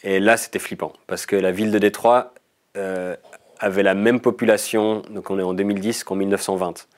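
Low-voiced Swiss French man, chatty. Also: fairly even intonation, a little fast. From Switzerland. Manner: chatty, storytelling, frequent hesitations. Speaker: guest comedian. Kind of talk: casual interview chat.

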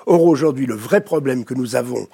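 A French man with a French accent, a therapist speaking as a guest in an interview, reflective and pausing often to search for words. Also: medium pitch, gravelly, dark tone, slightly rough. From France. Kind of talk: studio interview.

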